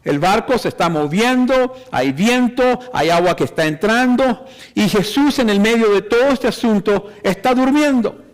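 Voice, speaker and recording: High-voiced preaching man in a reverberant hall. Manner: slow, emphatic preaching with rhetorical questions. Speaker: pastor. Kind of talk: sermon. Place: church hall.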